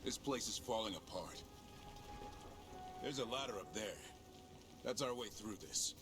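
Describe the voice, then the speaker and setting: A man voicing a terse male warrior companion in a fantasy video game, giving brisk practical orders. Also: on the low side, expressive. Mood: urgent.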